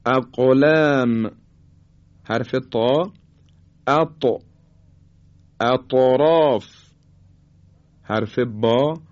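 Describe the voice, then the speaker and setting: Guy teaching quran recitation, draws out each example sound slow, middle pitch, muffled lo-fi audio. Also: darkish tone. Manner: slow, drawn-out demonstration of letter sounds. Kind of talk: tajweed lesson. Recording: muffled lo-fi recording.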